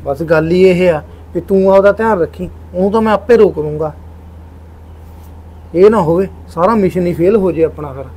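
A man's voice: sits high, moderate pace, mellow. A young man playing a controlling husband with a secret in a short film, insistent and brusque. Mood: scheming. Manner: insistent, brusque, repeats himself. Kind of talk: Punjabi short film acting.

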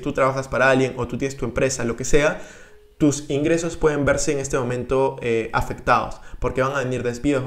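A young man gives direct-to-camera personal finance advice, coaching the viewer with energy and hand gestures, recorded on a boom-arm studio mic in a small room. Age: young adult. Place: small room indoors, seated on a couch. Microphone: studio mic on a boom arm in front of him.

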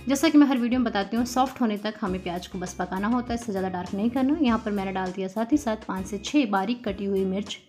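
A woman's voice: mid-range voice, fast, hardly any pauses, darkish tone. Woman, home cooking tutorial voice-over, friendly and chatty, faint background music. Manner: chatty, addresses viewers as friends. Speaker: cooking channel host.

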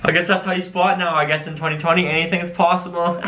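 A man's voice: sits high, level tone, quick pace, bright, forceful tone, slight background noise, poor audio. A young man in a small room, casually reacting to clips on webcam, laughing a lot and exclaiming in disbelief. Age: young adult. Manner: keeps exclaiming "what?" with frequent laughter.

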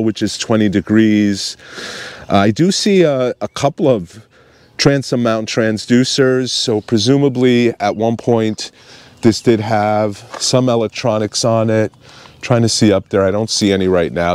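Low-voiced man with a Long Island accent. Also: a little mellow. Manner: conversational, hands-on explaining. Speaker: fishing boat vlogger. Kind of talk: casual walkaround commentary. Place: outdoors by the road and driving a car.

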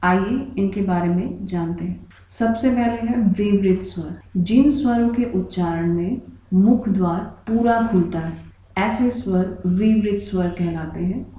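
A woman's voice: medium pitch, a little slow, dark tone, a little hiss or hum. A woman teaching a grammar lesson for exam preparation, explaining patiently and spelling out each example. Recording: very echoey room.

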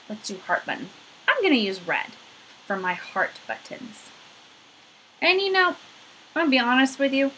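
Talking directly to young children, a woman in her thirties leads a craft activity with encouragement, using a sharp, mid-range voice. She's recorded on a webcam in a small furnished room at home. The low-quality audio has slight background noise.

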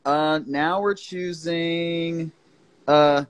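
His voice sits on the high side, smooth and fairly even in intonation, and he speaks very slowly over a rough recording. He's hosting a casual livestream from his phone, joking and swearing a lot with viewers as they join.

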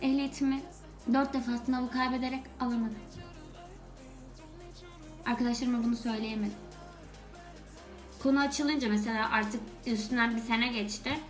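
High-voiced woman telling a comic story. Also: normal speed, long pauses. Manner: animated, exclaiming, laughing between lines. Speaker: vlogger. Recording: echoey room with background music.

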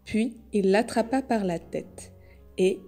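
Mellow woman reading a children's story. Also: medium pitch, faint music behind. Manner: measured storytelling. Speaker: audiobook reader. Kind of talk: scripted narration.

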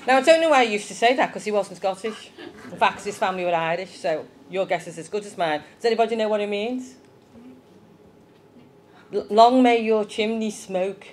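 A woman's voice: mid-range voice, animated, brisk, long pauses. A woman giving a chatty children's talk in church, asking the young ones questions.

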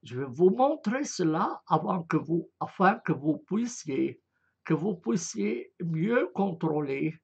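A man's voice: on the high side, big pitch swings, slow, creaky, husky, muffled recording. A man giving an explanatory lecture on a writing system, hesitant and full of filler sounds, spelling out letter sounds one at a time. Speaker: lecturer on Arabic script. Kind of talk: slow explanatory online lecture.

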